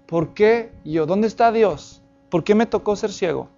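A man's voice: sits high, measured pace, gravelly, mellow, soft background music. A man voicing a bewildered blind beggar in a sermon. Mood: lamenting. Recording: dull lo-fi recording.

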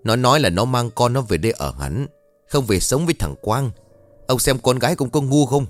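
A man voicing a domineering middle-aged mother who scolds fast and sharply, in a story reading. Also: fairly low pitch, animated, soft background music, close to an everyday voice. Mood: scolding.

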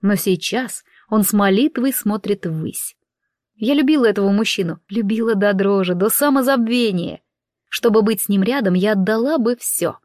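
A woman's voice: mid-range voice, moderate pace, darkish tone, dry recording. Woman narrating an audiobook up close. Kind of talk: first-person audiobook narration.

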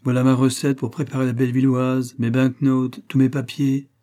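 A man's voice: mid-range voice, monotone, moderate pace, dark tone, lightly acted. A man reading an audiobook, voicing a cocky young Parisian street lad who talks in a boastful, slangy way.

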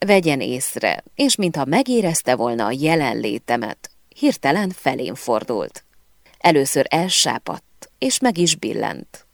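A woman narrating a first-person novel aloud in an expressive storytelling manner. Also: a bass voice, no room sound, clean studio sound. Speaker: audiobook narrator.

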